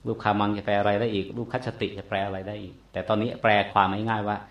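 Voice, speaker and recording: A man teaching a Pali grammar lesson, explaining slowly and repeating terms to drill pronunciation. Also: lowish voice, level tone, muffled recording. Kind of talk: classroom lecture. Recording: echoey room.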